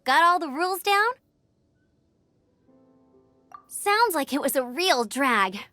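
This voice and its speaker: A bubbly young female scout who teaches gliding in a video game. Her voice is very high and bright, with swooping, expressive intonation. She chatters eagerly and perkily. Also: moderate pace, no echo, soft background music, heavily acted. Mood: chatty, eager. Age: young adult. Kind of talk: animated video game voice acting.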